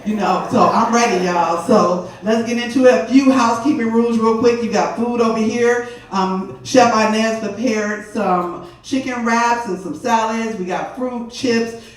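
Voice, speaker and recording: Man, seminar host, out of breath, chatty, boomy echo, distant mic. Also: a little slow. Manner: energetic, chatty, laughing often. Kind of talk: live seminar opening address. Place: event room with a live audience. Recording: echoey room from far off.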